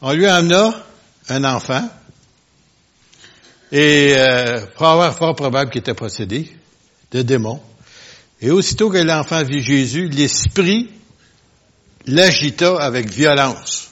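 A male preacher gives a sermon and speaks straight to his congregation, full of questions and asides. He drops to near-murmurs, then surges into loud, forceful declarations. His voice sits at an ordinary pitch on a dull, lo-fi recording. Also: animated, slow, pauses often. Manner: swings from quiet asides to loud emphatic bursts. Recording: lo-fi, dull sound.

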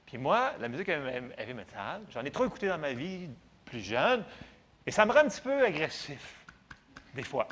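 A man with a Québécois French accent giving a faith testimony in an animated, conversational, self-mocking way. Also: fairly high pitch, moderate pace, a little hiss or hum. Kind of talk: storytelling testimony to an audience.

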